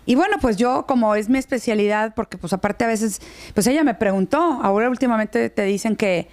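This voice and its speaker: A talkative woman hosting a casual conversation, speaking loudly as if shouting. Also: on the high side, a little fast.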